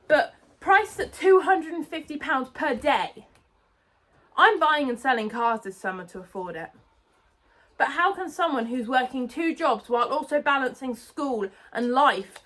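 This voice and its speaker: Her high-pitched, slightly bright voice picked up by a phone mic, a British vlogger of about nineteen vents indignantly beside a road while cars pass in this ranting vlog.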